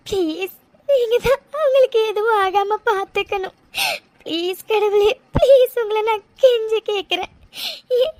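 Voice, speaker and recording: A woman's voice: very high voice, darkish tone, dry recording. A woman voicing a young cartoon daughter who cries and pleads, weighed down by guilt. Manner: sobbing, pleading. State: crying. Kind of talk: cartoon voice acting.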